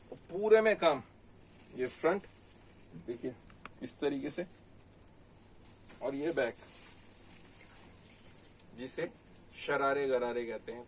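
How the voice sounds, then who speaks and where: In a low-quality recording made from a distance with a little hiss or hum, a man with a Delhi Hindi accent runs an online saree sale. Speaking in a mid-range voice, he casually shows off garments and lists their prices and sizes.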